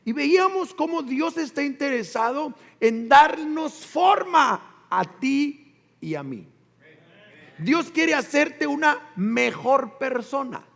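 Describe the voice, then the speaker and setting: Mexican male pastor, lively sermon delivery with call-and-response, gravelly voice in a long-reverb hall. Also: very high-pitched. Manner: animated preaching with call-and-response and acted quotes.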